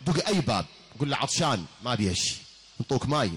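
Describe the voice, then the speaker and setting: A man's voice: medium pitch, sing-song, rapid-fire, breathy edge. A male preacher with an Iraqi accent tells a religious story in a sermon, impassioned and full of rhetorical questions. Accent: Iraqi Arabic. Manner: impassioned, rhetorical, addresses listeners directly.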